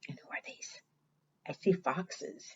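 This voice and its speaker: Whispering slowly in a darkish tone, a woman leads a preschool storytime, reading aloud with expression and asking her young listeners questions. The recording has a dull, lo-fi sound.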